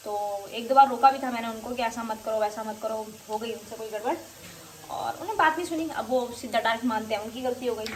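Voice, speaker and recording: A woman's voice: fairly high pitch, a little fast. A young mother talking frankly in a casual home vlog, sometimes scolding her children, with faint kitchen sizzling behind her. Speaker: vlogger and mother. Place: home in northern India. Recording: faint background noise.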